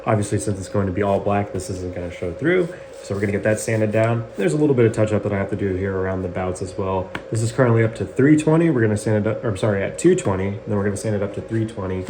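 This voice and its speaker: A man's voice: on the low side, fast talker. A man hosting a casual guitar-building tutorial in his garage workshop, chatty and jokey. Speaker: guitar builder and channel host. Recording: echoey garage with faint noise.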